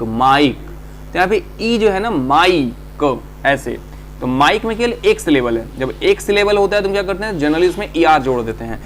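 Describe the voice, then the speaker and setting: Man teaching grammar, quick Hindi asides. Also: sits high, slight background noise. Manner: reads English examples slowly, explains in quick Hindi; asks students questions and answers them himself. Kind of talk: exam-prep grammar lesson.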